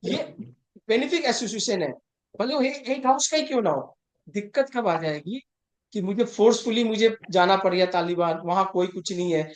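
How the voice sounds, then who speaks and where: A high-voiced man runs an astrology class in a chatty way, emphatic and constantly checking comprehension. English words slip into his Hindi, and the recording has a roomy echo.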